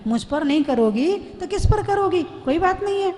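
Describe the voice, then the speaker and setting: A woman preacher voicing a calm, patient husband in a story, speaking gently and soothingly. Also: very high voice, normal speed, a little hiss or hum. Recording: long hall reverb.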